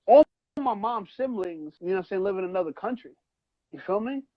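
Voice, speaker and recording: A podcast co-host from the United States, a first-generation son of Trinidadian parents, argues his point in a heated casual debate and keeps adding "you know what I'm saying." His voice is high, animated and brisk, and the sound is lo-fi.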